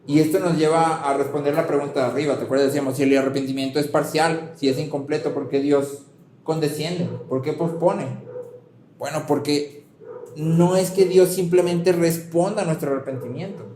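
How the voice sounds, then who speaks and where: A man's voice: on the high side, warm tone, a little hiss or hum. A man preaching a sermon as a pastor, conversational and full of rhetorical questions and check-ins with the congregation. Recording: roomy hall with faint ambience.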